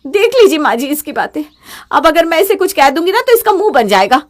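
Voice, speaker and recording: A fed-up young daughter-in-law speaks sharp and sarcastic in a fairly high voice, voiced by a woman. She is an animated storybook wife, complaining of endless chores. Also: fairly quick. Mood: resentful.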